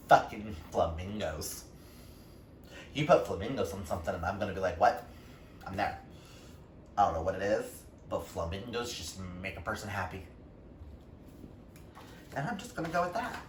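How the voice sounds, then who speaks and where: In a chatty book vlog, a man with a fairly low, expressive voice addresses viewers informally at normal speed, pausing often and exclaiming for emphasis. Faint noise, room echo and a far-off mic mark the audio.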